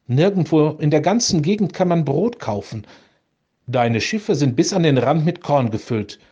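A man's voice: fairly high pitch, expressive, moderate pace, warm tone, breathy edge, lo-fi sound. A man reading the lines of a kindly, determined bishop pleading for hungry people in a storybook legend. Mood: urgent.

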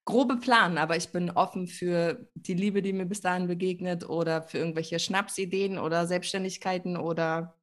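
A pregnant woman hosting a podcast, her voice a touch lower than most. She talks in a loose, rambling way, full of fillers and slangy asides. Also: fairly even intonation, normal speed, few pauses. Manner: chatty, rambling, colloquial with many fillers. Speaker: podcast host. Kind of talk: casual chat.

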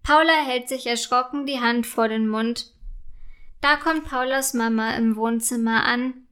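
A woman reading a children's story aloud in a gentle, measured way. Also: on the high side, clear, resonant tone.

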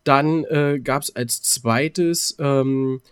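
This 27-year-old man co-hosts a podcast, chatting loosely and drifting through anecdotes while repeating words as he hunts for them. His medium-pitched voice is smooth and extremely slow. The studio recording is clean, with no room sound.

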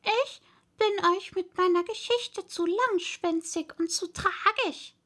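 A woman's voice: extremely high pitch, slow pace, a bit bright, pitched above the performer's own voice, heavily acted. A woman voicing a touchy little female mouse in a storybook reading, sighing and complaining. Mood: plaintive.

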